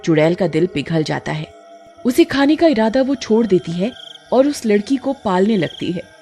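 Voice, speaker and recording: A woman giving steady, scripted narration of a cartoon story. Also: mid-range voice, moderate pace, soft background music.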